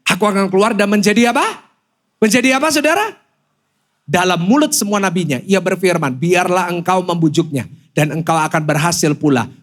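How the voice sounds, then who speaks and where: A male pastor in his thirties preaching a sermon in a church, telling a personal story with lively voiced quotes. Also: fairly high pitch. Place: church stage.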